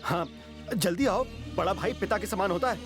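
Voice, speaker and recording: An actor dubbing a bold, cheeky young husband who talks in a brisk, insistent way. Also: male voice, sits high, over music. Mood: coaxing. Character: bold, cheeky young man, newly married. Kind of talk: Hindi film dub. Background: loud film score.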